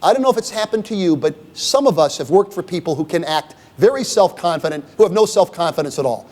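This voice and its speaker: A man's voice: fairly high pitch, expressive, fast, a little mellow, long reverb tail. A middle-aged man lecturing on leadership at a university symposium, talking conversationally and often checking in with "okay?" and "right?". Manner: poses rhetorical questions to the audience. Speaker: guest speaker on leadership. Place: university event room.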